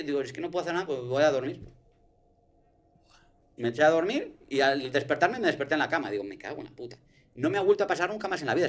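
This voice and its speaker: Guy from telling a scary story, voice jumps all over, swears a lot. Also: on the high side. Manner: animated storytelling, swears, restarts. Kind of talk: casual conversation, personal story.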